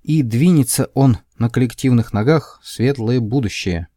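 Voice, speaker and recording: A man putting on a booming, sepulchral alien zealot. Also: dark tone, no room sound, studio quality, natural voice. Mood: grandiose menace. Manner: slow, bombastic speechmaking. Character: pompous brutish alien male zealot ranting.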